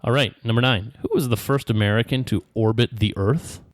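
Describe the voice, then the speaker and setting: A man's voice: medium pitch, fairly quick, dry recording. Dry-voiced man hosting a casual quiz. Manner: playful, reads out answers with dry jokes. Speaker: quiz host.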